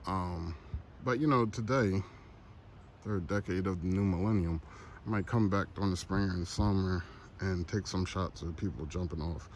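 Standing by trolley tracks on a trestle, a man who hosts a podcast and takes photos chats offhandedly, full of slang and jokes. His low voice keeps a moderate pace, captured on a handheld phone at arm's length in a noisy outdoor recording with clearly audible ambient sound.

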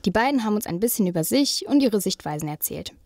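A young woman co-hosting a student podcast, reading smooth scripted links between the interviews. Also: mid-range voice, animated, quick pace, warm tone, no room sound. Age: young adult. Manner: smooth, read-from-script linking. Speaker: podcast co-host, journalism student.

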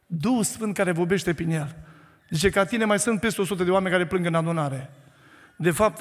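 A Romanian man giving an earnest, emotional testimony sermon in church, building to fervent preaching. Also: high-pitched. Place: church hall. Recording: echoey church hall.

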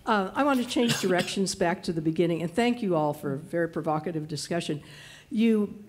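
A woman's voice: on the low side, fairly quick, darkish tone. A woman in the audience at a public talk, asking a question and giving enthusiastic, informative detail. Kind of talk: question from the floor. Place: event hall with audience.

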